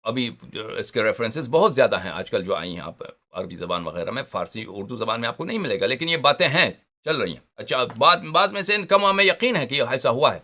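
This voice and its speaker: A man giving a religious lecture, explaining Arabic terms in Urdu and often checking that listeners follow along. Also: hardly any pauses. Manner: animated and emphatic, with sharp rises in pitch and loudness.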